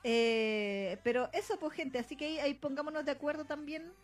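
A woman's voice: high voice, a little fast. A woman with a Chilean accent co-hosting a podcast in casual chat, chatty and laughing often. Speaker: podcast co-host.

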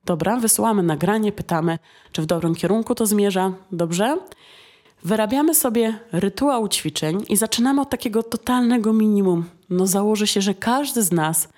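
A woman's voice: medium pitch, darkish tone. Chatty woman vocal coach. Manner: chatty, checks in with tag questions; acts out students and sings short demonstrations. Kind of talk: casual video lesson.

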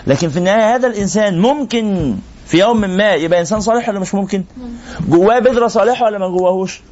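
Man, Egyptian accent, sheikh teaching a class, rhetorical questions, slightly high voice. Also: rapid-fire, darkish tone. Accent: Egyptian Arabic. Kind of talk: religious lesson to a live class. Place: room with a class. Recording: muffled lo-fi recording.

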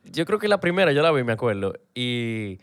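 A mid-pitched male voice with a Dominican accent, recorded dry. He co-hosts a casual movie podcast and tells his stories in loose, slangy, colloquial speech. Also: very animated, a little fast, dry recording. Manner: slangy storytelling, often says "loco". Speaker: podcast co-host. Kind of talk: casual film podcast chat.

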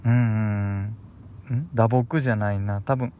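This young radio host speaks Japanese with a Kansai accent, chatting alone in a loose, rambling style, somewhat shy and laughing softly between ideas. His voice sits lowish and dark with fairly even intonation and moderate speed, the highs are cut off, and there's slight background noise.

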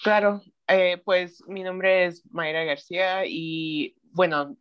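Woman in her thirties, guest chat, low voice, slow and rambling with English mixed in, dull lo-fi sound. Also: fairly even intonation, smooth. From Mexico City, raised in Tennessee. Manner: unhurried, many fillers and restarts, mixes in English words. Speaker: podcast guest. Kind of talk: casual chat.

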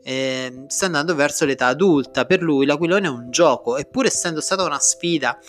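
A man, a teacher, reads a passage from a novel aloud and then explains it to students in a steady, measured way. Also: a little high.

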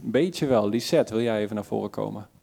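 A man opening a church service with a relaxed, somewhat hesitant welcome. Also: lowish voice, fast, vocal fry. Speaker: service leader.

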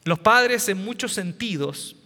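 A man gives a humorous talk on parenting, his high-pitched voice sharp in tone with lively intonation, slow delivery and a long reverb tail. He tells anecdotes with punchlines and quoted voices, often repeating or restarting his words.

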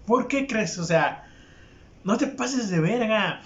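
Young Mexican man, profane and mocking storyteller, fairly high voice; echoey, dull lo-fi recording. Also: animated, slow, a bit bright. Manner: crude, profane and mocking, with frequent laughs. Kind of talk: casual anecdote monologue. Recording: echoey room, dull lo-fi sound.

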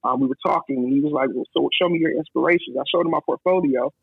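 A man's voice: on the high side, fast talker, no room sound. A man, a photographer and guest, telling his story in casual conversation and animatedly acting out the lines of the people he quotes. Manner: animated, acts out quoted dialogue. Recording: dry, husky, phone-like line.

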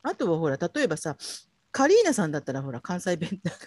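A woman in her forties co-hosting a casual chat podcast, playful and quick to laugh. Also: lowish voice, huge pitch swings, a little mellow, dry recording. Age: 40s. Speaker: podcast co-host.

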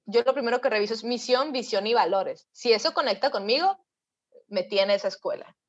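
A fairly high-pitched woman speaks as the guest on a video call, a psychologist who tells her stories with lively energy and acts out the voices in them. Her audio comes through dull and lo-fi. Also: a little fast. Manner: lively storyteller, acts out quotes. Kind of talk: casual interview answers.

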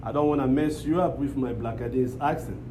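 A man's voice: mid-range voice, brisk. Congolese-accented male preacher, noisy live recording. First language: not English. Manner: repeats phrases, calls for amens. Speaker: visiting pastor. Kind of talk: church preaching and prayer with call-and-response. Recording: noisy live church room.

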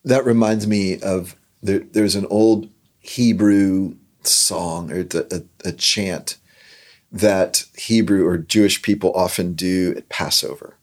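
A man's voice: sits low, steady tone, takes it slowly. A man explaining a hymn line by line in an earnest, reflective podcast conversation.

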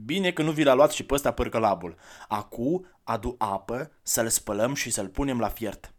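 A man voicing a gentle, weary traveler who is kind and coaxing, in a soft, slightly lifted voice. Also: mid-range voice, lively intonation, natural voice.

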